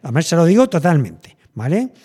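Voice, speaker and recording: Middle-aged man, from Spain, casual rambling chat, lively up-and-down voice, fairly high pitch. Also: a little fast, breathy edge. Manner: rambling, thinking aloud with many fillers and restarts.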